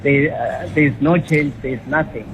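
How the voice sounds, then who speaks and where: A mid-pitched man with a South African accent calls in to talk radio. He speaks haltingly, with many restarts, and mixes local-language words into his speech. The call sounds thin and tinny, like a phone line. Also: steady tone, background noise. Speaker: radio caller. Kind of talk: phone-in opinion.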